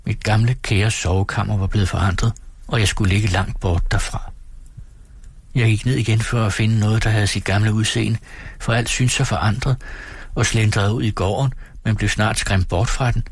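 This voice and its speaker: A man who hosts a late-night radio show, reading a classic novel aloud in a calm, measured way from a radio studio. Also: fairly low pitch, slightly rough, dry recording. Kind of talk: read-aloud literary narration.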